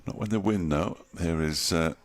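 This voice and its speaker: A man calls cricket ball by ball with a dry, joking edge. His voice sits extremely low and rumbling, and his delivery stays relaxed and chatty. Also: moderate pace. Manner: dry, wry and chatty, chuckles at his own jokes. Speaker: cricket commentator. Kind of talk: ball-by-ball radio-style commentary.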